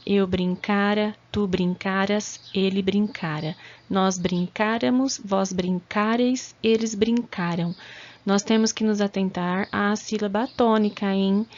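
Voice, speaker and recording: A woman teacher with a Brazilian Portuguese accent explaining verb tenses in a recorded lesson, often checking in with "tá?" and slowing down to spell out conjugations. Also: medium pitch, darkish tone. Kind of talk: recorded remote class lesson. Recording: slightly dull lo-fi audio.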